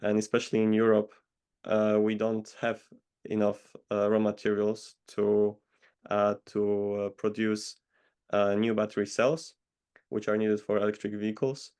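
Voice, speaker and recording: A man from Poland, answering interview questions in a measured, hesitant way over a video call. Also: on the low side, flat delivery, a little mellow, clear, resonant tone. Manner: measured, hesitant with many pauses. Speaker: guest consultant.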